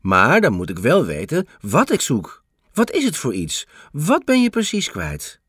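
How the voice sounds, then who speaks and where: A man voicing a patient, kindly grandmother in a storybook reading, gentle and musing. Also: medium pitch, wildly swooping pitch, a little slow, slightly rough, no room sound, studio quality, exaggerated voice. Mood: curious.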